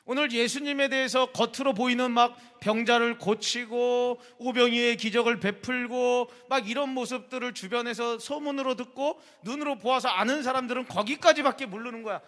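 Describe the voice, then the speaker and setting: Bright high-voiced youth pastor. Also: male voice, normal speed, hardly any pauses. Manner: chatty, quizzes listeners by name. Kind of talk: casual youth sermon. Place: church sanctuary. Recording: long reverb of a church hall.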